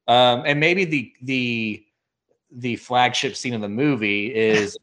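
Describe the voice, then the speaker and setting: Brief: male podcast host, mid-pitch, rambling film chat with lots of filler. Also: a bit bright, low-quality recording. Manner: rambling, heavy filler words, quick mimicry of film lines. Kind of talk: casual chat.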